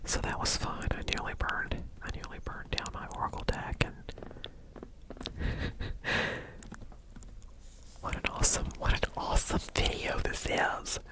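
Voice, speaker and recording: This is a soft-whispering ASMR host whose slow, hesitant delivery sounds like casual sharing with viewers.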